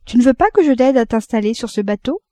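A woman voicing a hesitant, soft-spoken middle-aged mother, in an audiobook reading. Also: on the high side, lively intonation, quick pace, no echo, pitched above the performer's own voice, natural voice. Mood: pleading.

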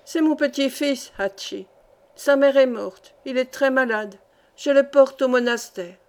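Storybook old peasant grandmother, read by a woman, pleading, breathless, fairly high voice. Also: measured pace, darkish tone.

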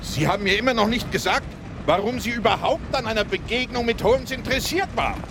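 A man's voice: extremely high pitch, brisk, background noise. A man acting in a German radio drama as a polite, loyal English doctor who is easily bewildered and indignant, with formal, earnest phrasing.

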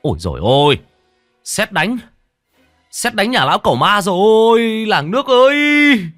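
A panicked village man yells out an alarm, as a narrator acts him out. His voice shoots up high and loud. The sound is dry and close, like a spoken ghost story. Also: sing-song, measured pace, no room sound, faint music behind, exaggerated voice. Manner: shouted alarm.

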